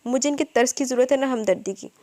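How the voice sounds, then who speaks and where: A woman's voice: high-pitched, fast talker, warm tone, close to an everyday voice. A woman reading a wounded young woman who speaks in a trembling, hopeless voice. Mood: despairing.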